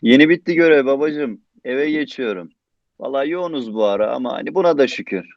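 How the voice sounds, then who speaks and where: A male actor plays a busy policeman son in a radio play. He talks fast and matter-of-fact in a middle pitch, over a dull, lo-fi connection. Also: close to an everyday voice. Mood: busy, resigned. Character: busy, dutiful policeman son heading home. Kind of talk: Turkish radio theatre acting. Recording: dull, distant call-like sound.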